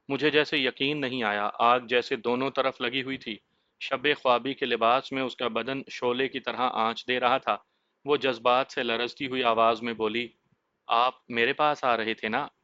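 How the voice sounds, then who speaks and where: A man narrates a suspense story in a steady, literary way, his voice bright and forward. The sound is close and dry, with no room around it. The recording is a little dull. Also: mid-range voice, dry recording. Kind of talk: scripted narration of a horror story.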